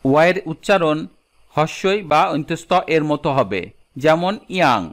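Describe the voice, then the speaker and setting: A man narrating a scripted lesson, slowly listing letters and their example words. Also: a little high, expressive. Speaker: English teacher.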